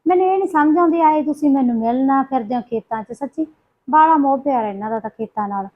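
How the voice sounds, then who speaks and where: A woman's voice: high-pitched, fast talker, narrow, tinny audio, lightly acted. A woman playing a talkative, scheming village sister-in-law in a family drama, speaking with a Punjabi accent and a coaxing, gossipy manner. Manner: chatty, coaxing, scheming asides. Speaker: sister-in-law in a short film.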